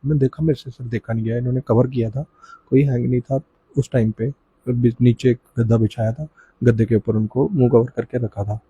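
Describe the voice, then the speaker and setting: A man giving an emotional first-hand account as an interviewee, speaking haltingly with restarts and often saying sir. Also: medium pitch, fairly even intonation, warm tone, highs cut off, slight background noise. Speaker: relative of the deceased, interviewee.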